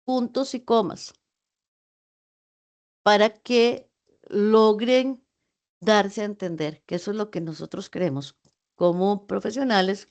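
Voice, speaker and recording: A woman's voice: medium pitch, a little mellow. A woman tutor giving a university class over a video call, explaining writing with frequent rhetorical questions to her students. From Costa Rica. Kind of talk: online class lecture.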